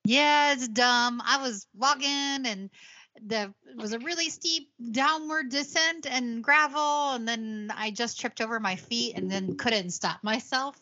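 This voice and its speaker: A woman's voice: a little high, measured pace, sharp tone, no room sound, highs cut off. A woman co-hosting a podcast in casual chat, with a wry, self-deprecating way of talking. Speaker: podcast co-host.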